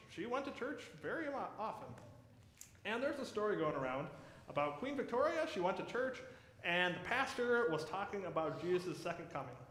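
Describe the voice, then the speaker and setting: A man's voice: high-pitched, fairly bright tone, slight background noise. A man preaching a sermon as pastor, earnestly posing rhetorical questions to his congregation. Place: church sanctuary. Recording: echoey church hall, faint ambience.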